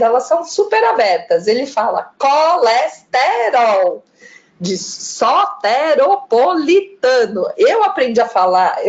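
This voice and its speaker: A woman's voice: on the high side, darkish tone, muffled recording. A woman giving a chatty live online talk, demonstrating different pronunciations. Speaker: lecturer on pronunciation. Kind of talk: live online talk, reading viewer comments.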